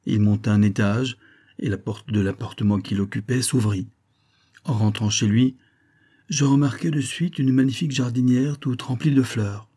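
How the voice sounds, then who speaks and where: A male audiobook reader narrates a classic tale in a measured, even way. His voice is mellow and dark in tone, with a husky grain. He speaks at a middling pitch. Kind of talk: scripted literary narration.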